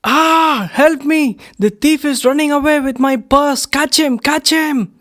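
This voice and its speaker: A man voicing a panicked old woman shouting for help after a theft, in a storybook reading. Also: measured pace. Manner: shrill frantic screaming.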